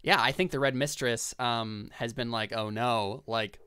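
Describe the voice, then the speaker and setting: A man's voice: mid-range voice, unhurried, sharp tone, clear, resonant tone, dry recording. Casual male game master, dry close sound. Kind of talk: casual tabletop game narration.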